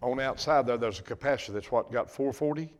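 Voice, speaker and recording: An older man preaching a sermon, folksy and emphatic, swinging from loud bursts to hushed asides. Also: medium pitch, fast talker. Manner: folksy, repeats and restarts phrases. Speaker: pastor.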